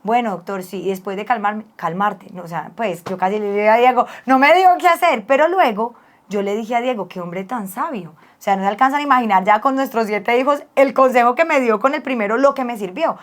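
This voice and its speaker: A woman's voice: on the high side, expressive, brisk. A woman, a psychologist co-hosting with her husband, chatting casually and telling personal family stories with affectionate asides to him. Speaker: psychologist and co-host. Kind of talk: casual advice talk with spouse.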